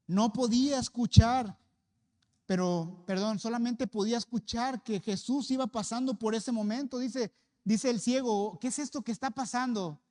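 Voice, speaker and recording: A Mexican pastor delivers a sermon in an earnest voice, appealing directly to the congregation. His voice is high and his pace is slow and measured. The sound carries a long reverb from the church sanctuary. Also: dark tone.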